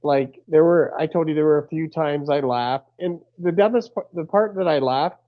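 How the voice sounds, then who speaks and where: A man's voice: a little high, moderate pace. A middle-aged man co-hosting a casual movie review chat, agreeable and a bit hesitant. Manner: agreeable, hesitant, many yeahs. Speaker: podcast co-host. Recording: dull lo-fi sound.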